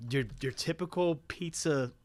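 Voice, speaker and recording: A man's voice: fairly high pitch, measured pace, darkish tone. A man hosting a casual podcast chat, talking in a laid-back, slangy way. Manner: laid-back slangy banter, says bro a lot. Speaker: podcast host.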